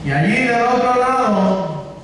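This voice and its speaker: A Colombian pastor preaching a sermon, retelling a story and asking the congregation rhetorical questions, in a large church hall. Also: male voice, very high voice, expressive, a little slow, a bit bright, faint music behind. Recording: echoey hall from far off.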